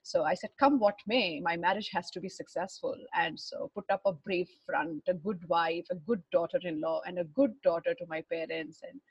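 A middle-aged woman from Bihar with an educated Indian accent, telling her life story in a halting, reflective way, searching for words. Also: lowish voice, slightly rough, no echo, highs cut off. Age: 40s or older. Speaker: interview guest, runner and fitness trainer. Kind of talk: personal life story in conversation.

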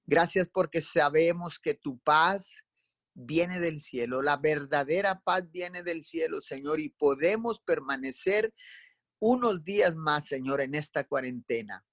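A man's voice: fairly high pitch, measured pace, a bit bright, no room sound. A man leading a fervent live prayer, calling on the Lord between every phrase.

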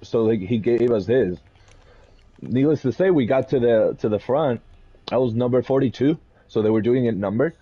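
A man from Puerto Rico co-hosting a podcast, telling stories in an animated, rambling way with quick laughs. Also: mid-range voice, slightly rough, highs cut off. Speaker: podcast co-host. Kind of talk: casual chat.

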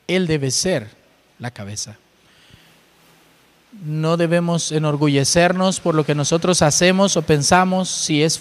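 A man's voice: a little high, big-room sound. A man preaching a sermon, explaining scripture and asking his listeners rhetorical questions.

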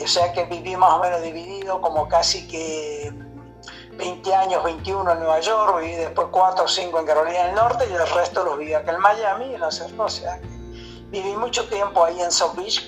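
A man's voice: high voice, moderate pace, music in the background, low-quality recording. Rambling older Argentine man. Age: 70s. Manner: rambling, many fillers and tag questions. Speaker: radio guest. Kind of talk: casual radio interview.

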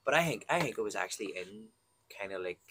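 A man's voice: lowish voice, animated, fast talker, fairly bright tone, breathy edge. A man with a Belfast accent, co-hosting a podcast in easygoing, chatty talk, laughing often and calling people mate. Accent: Northern Irish, Belfast. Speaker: podcast co-host. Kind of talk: casual chat.

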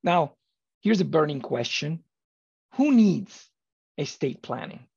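A man's voice: a little high, creaky, breathy edge, no room sound. A man hosting a podcast interview, asking questions and giving brief acknowledgments. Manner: slow, lively questions and short acknowledgments. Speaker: podcast host. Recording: muffled dry recording.

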